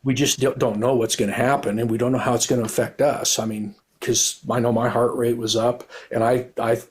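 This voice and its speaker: A man's voice: medium pitch, level tone, a little fast, slightly rough. A middle-aged man, a retired police officer, telling his story in a candid, rambling, earnest way, often restarting his sentences.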